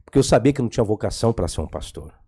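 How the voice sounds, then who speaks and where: A man's voice: lowish voice, very fast, slightly rough. A man, a theology professor telling stories as a podcast guest and acting out the dialogue. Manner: animated, acts out dialogue. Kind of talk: storytelling interview.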